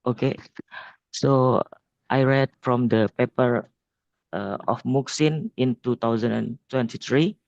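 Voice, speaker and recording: A man speaks over a bad video-call connection. His voice is gravelly and dull, with a dry, close sound. He talks in a halting, apologetic way while he asks his question. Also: mid-range voice, fairly even intonation, darkish tone, dry recording. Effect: unstable video-call connection. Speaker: audience member asking a question. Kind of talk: question in a lecture Q&A. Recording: muffled lo-fi video call audio.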